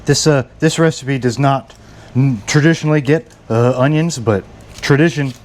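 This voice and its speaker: A man's voice: mid-range voice, normal speed, a little mellow, a little hiss or hum. A man talking casually through a home recipe, stammering and repeating words as he goes, rambling and self-deprecating. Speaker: home cook. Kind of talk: casual cooking vlog.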